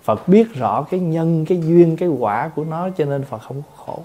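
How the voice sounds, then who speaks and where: A man's voice: fairly high pitch, expressive, normal speed, warm tone. A man, a Buddhist monk, giving a patient dharma talk, explaining terms word by word and acting out little everyday exchanges.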